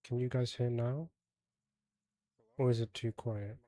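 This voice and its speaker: A man streaming a game and talking to his viewers in a loose, chatty way, checking in with them between moves. His voice sits mid-range and has a mellow, warm tone. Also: mid-range voice, fairly even intonation, measured pace, no echo. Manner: chatty, talks to viewers while fiddling with setup. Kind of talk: casual live-stream chat while gaming.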